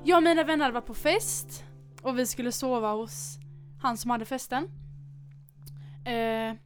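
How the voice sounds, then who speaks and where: A young woman co-hosting a casual chat show from a school studio, telling stories in a lively way and swearing casually. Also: fairly high pitch, soft background music. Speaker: podcast co-host.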